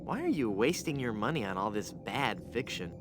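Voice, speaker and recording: A man's voice: mid-range voice, big pitch swings, moderate pace, noisy background, lightly acted. A man playing a hapless, earnest adventurer in a comic adventure game, pleading and bluffing theatrically as a would-be ghost. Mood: mock-menacing, sheepish.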